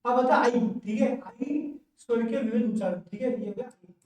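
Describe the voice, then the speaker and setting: A man's voice: very high voice, darkish tone. Echoey distant male teacher drilling words. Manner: says each word twice, slow drilling. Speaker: English pronunciation teacher. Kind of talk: classroom pronunciation drill lesson. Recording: very echoey room, voice from far off.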